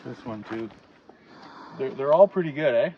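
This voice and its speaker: A man chatting casually outdoors as he explains his building work, often pausing to think aloud. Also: medium pitch, animated. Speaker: log cabin builder and vlogger. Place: outdoors at a cabin building site. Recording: muffled, noisy outdoor camera audio.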